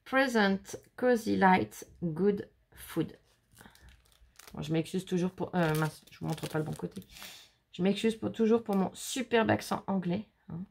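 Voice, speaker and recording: Woman host, fairly low with some fry, gushing casual card show-and-tell at home. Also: fairly even intonation, normal speed, a little mellow. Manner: chatty, gushing, talks to viewers and helpers. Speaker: scrapbooking channel host.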